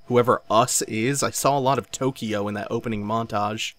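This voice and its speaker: A man's voice: lowish voice, steady tone, moderate pace, fairly bright tone. A man giving casual, wry let's-play commentary on an adventure game, swearing freely. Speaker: gaming commentator.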